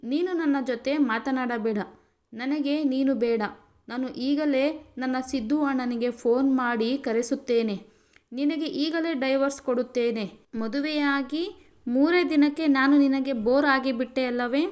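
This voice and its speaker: A woman's voice: high-pitched, measured pace, darkish tone. A woman voicing a pouting, childish young bride who sulks and whines, in a storybook reading. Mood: hurt sulking. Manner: pouting, tearful, whiny.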